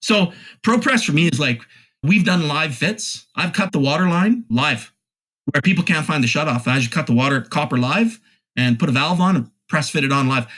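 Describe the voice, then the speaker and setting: A man in his forties, a plumbing contractor, telling animated stories on a podcast and acting out both sides of each conversation. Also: a little high. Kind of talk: casual podcast chat.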